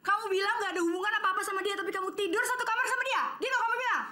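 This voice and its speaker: A shrill, scolding betrayed fiancée. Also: female voice, racing, bright, forceful tone. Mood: furious. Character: betrayed fiancée, sharp-tongued.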